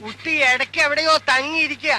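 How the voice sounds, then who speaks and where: An anxious household worker speaks to his master in a cautious, deferential way. His voice sits very high and strained with worry. Loud background noise runs under the film scene. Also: steady tone, fast talker. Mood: worried. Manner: worried, deferential, warning.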